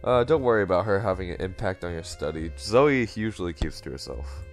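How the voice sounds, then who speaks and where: A man voicing a middle-aged father on the phone, halting and hesitant. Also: low-pitched, animated, soft background music. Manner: hesitant, trailing off.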